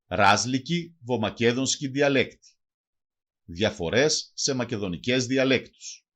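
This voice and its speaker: A man narrating a language lesson from a script. He reads each word and then its translation in a measured teaching cadence. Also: mid-range voice, animated, a bit bright.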